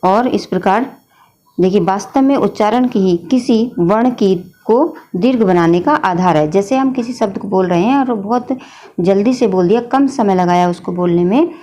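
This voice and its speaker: A woman's voice: mid-range voice, normal speed, dark tone. A woman teacher explaining a grammar lesson patiently, often addressing her students as children. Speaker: Hindi teacher.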